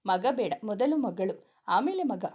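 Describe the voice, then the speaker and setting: A woman's voice: mid-range voice, lively intonation, measured pace, husky, muffled recording. A woman voicing a playful, affectionate young husband in a read-aloud romance story, in a teasing, doting manner.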